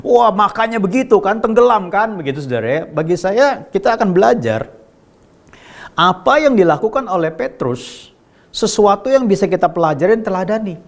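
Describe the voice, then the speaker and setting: High-voiced man preaching a sermon. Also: expressive, moderate pace. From Indonesia. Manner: preaching with wide swings between raised emphatic lines and low quiet asides; addresses the congregation directly and often. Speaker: pastor.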